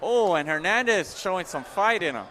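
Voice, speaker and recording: A man's voice: high voice, expressive, moderate pace, pushed and bright, a little hiss or hum. A man co-commentating on boxing in a casual, agreeable way, affirming his partner and adding analysis. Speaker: former fighter. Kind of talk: casual live fight analysis.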